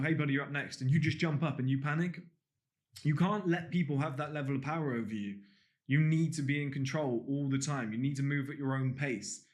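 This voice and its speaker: A man teaching body language in a casual spoken lesson, blunt and swearing freely, acting out little everyday scenes. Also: medium pitch.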